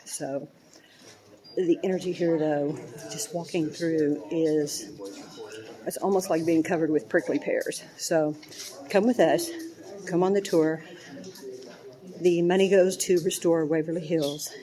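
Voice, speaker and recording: A woman's voice: low-pitched, fairly even intonation, unhurried, pauses often, dark tone, far from the mic. A woman from Kentucky with a Kentucky accent, guiding a tour and explaining in a conversational way inside a large empty historic building. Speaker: tour guide. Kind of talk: on-site tour narration. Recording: roomy echoing hall.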